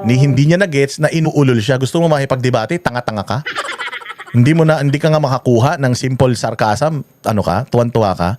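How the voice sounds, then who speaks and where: Swearing, mocking man in his forties. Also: a little high. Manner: mocking, heavy swearing, animated ranting. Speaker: reaction vlogger. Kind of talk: profane casual commentary.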